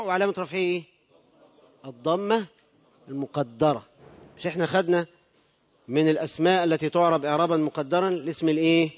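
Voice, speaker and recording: A man with an Egyptian Arabic accent teaching a grammar lesson to a class, putting questions to the students and answering them himself. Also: high-pitched. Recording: dull lo-fi recording with long hall reverb.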